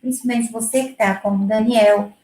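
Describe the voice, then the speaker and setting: High-voiced woman explaining her music teaching. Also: fairly even intonation, moderate pace, warm tone, reverberant, low-quality recording. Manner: explanatory, with many fillers and restarts. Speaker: music educator presenting her work. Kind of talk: conversational presentation.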